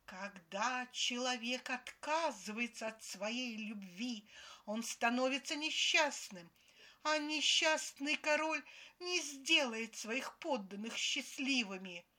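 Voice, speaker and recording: A woman's voice: a little high, slow, sharp tone, voice pushed up. A woman voicing a naive, emotional young woman who talks in heated exclamations. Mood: preaching.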